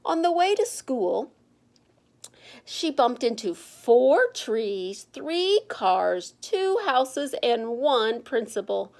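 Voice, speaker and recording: Female children's storybook reader, somewhat high voice, expressive and emphatic narration. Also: extremely slow, vocal fry.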